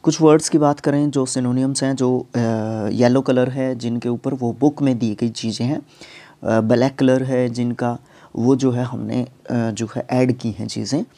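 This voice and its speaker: A man teaching English vocabulary in Hindi, with many fillers and restarts, reading the English examples slowly, word by word. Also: mid-range voice, flat delivery, warm tone. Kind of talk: vocabulary lesson.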